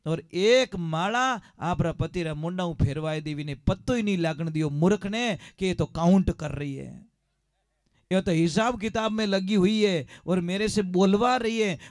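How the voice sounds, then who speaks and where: A male preacher telling a story as a sermon, animated, often asking his listeners questions. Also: high voice, no echo, clean studio sound.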